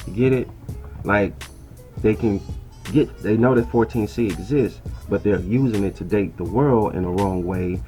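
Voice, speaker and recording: A man with a fairly low voice reads from an article and breaks off to comment on it, talking to his listeners like friends. He keeps checking in with "right?" in a loose, chatty manner. Soft music plays faintly behind him. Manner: conversational, keeps asking "right?" and calling listeners "bro". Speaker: host reading and commenting on an article. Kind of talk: casual commentary while reading aloud. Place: indoors at a laptop.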